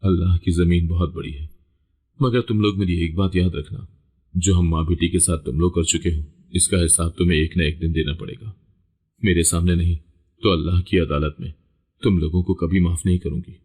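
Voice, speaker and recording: A man's voice: low voice, fairly even intonation, moderate pace, darkish tone. A man voicing a patient, long-suffering widowed mother who stands her ground, read plainly in a storybook reading. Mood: defiant. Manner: plainly read, barely shifted from narration. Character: patient widowed mother, middle-aged woman, long-suffering but firm.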